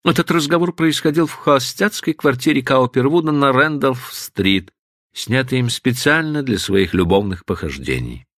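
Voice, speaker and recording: A man narrating a novel aloud with expressive storytelling. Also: mid-range voice, moderate pace, no room sound, studio quality. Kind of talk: audiobook narration.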